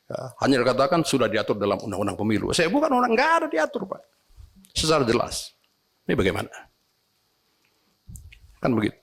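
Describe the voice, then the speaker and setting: Animated gravelly man in a hearing. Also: mid-range voice. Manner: animated, complaining, ends phrases with "Pak". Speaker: legislator questioning election officials. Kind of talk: parliamentary hearing remarks. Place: parliament hearing room.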